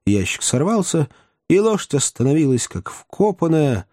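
A man narrating a classic comic novel with expressive, animated storytelling. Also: normal speed, dry recording, clean studio sound. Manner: expressive, animated storytelling with wide pitch swings. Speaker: audiobook narrator.

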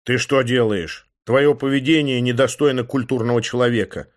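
A man's voice: medium pitch, steady tone, normal speed, close to an everyday voice. A man voicing a proud, reproachful male policeman who lectures his captive in an audiobook. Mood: scolding. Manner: lecturing, scolding.

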